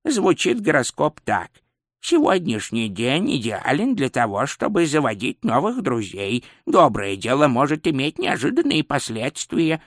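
A man's voice: medium pitch, wildly swooping pitch, unhurried, dry recording, studio quality, full character voice. A man voicing a nervous, fussy court astrologer in an audiobook, hesitant and pedantic. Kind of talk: audiobook character voice.

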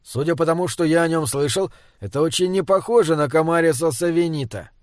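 A man voicing a young prince who speaks in a slow, measured way. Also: fairly high pitch, no echo, studio quality, lightly acted. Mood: doubtful.

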